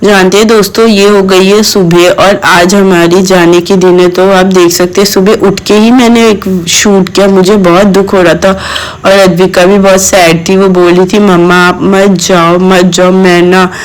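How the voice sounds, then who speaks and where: Woman vlogger, mid-pitch voice-over, chatty and fond, keeps addressing viewers. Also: level tone, normal speed, rough recording. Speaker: vlogger and mother. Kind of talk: chatty family vlog voice-over.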